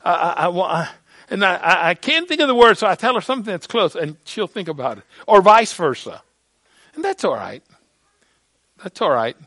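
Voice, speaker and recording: An older man preaching a sermon to a congregation, emphatic and swinging from soft asides to loud declarations, with halting restarts and repeated words. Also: sits high, very animated, no room sound. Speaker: pastor. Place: church sanctuary.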